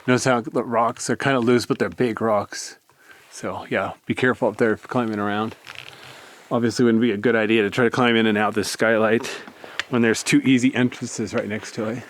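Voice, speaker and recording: A man's voice: fairly low pitch, steady tone, a little fast. Laid-back man, noisy cave recording. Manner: laid-back, rambling asides. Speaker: cave explorer filming a video. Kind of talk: casual spoken tour commentary. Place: inside a rocky cave. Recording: clear background noise, handheld cave recording.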